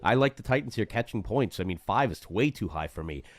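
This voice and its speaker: A man's voice: lowish voice, animated, a little fast, no room sound, clean studio sound. A man hosting a sports betting chat, emphatic, asking rhetorical questions and repeating points for effect. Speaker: sports betting show host. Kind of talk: casual betting-picks chat.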